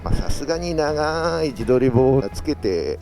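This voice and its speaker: A man's voice: mid-range voice, animated, measured pace, mellow, faint music behind. A man chatting casually as a solo motovlogger, talking from inside a full-face motorcycle helmet into an action-camera mic. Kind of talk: casual solo vlog chat while riding. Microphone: action camera with external mic adapter.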